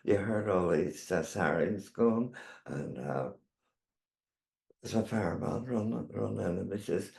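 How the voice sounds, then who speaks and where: A man's voice: low-pitched, expressive, a little slow, vocal fry, darkish tone. An older man with a Northern Irish accent, a drag performer reminiscing in a rambling, chatty way as an interview guest. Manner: rambling, chatty storytelling with repeated tags. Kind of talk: casual reminiscing chat. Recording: echoey room.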